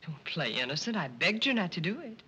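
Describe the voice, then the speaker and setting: A catty, spoiled heiress, snide and cutting in every remark. Her tone is bright and crisp, in 1930s screwball film fashion. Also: lowish voice, big pitch swings, fairly quick, muffled recording, slight background noise. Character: snippy, spiteful spoiled elder daughter. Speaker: daughter.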